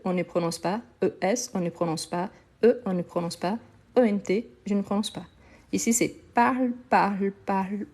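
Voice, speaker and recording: A woman's voice: mid-range voice, warm tone. A woman teaching French on a live online lesson. She speaks patiently, repeats each word and often praises her learners.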